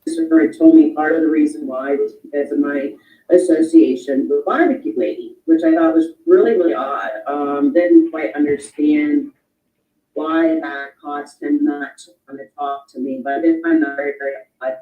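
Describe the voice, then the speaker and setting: A woman's voice: sits low, very animated, moderate pace, far from the mic, faint music behind. A woman giving a casual, hesitant personal account, heard through tinny, echoey playback.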